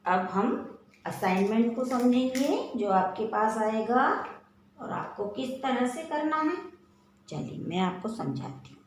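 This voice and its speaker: A woman teacher giving a children's lesson, drawing words out slowly in a sing-song drill. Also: a little high, very animated. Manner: slow, drawn-out, sing-song word drilling. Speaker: primary school teacher. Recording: very echoey room with faint noise.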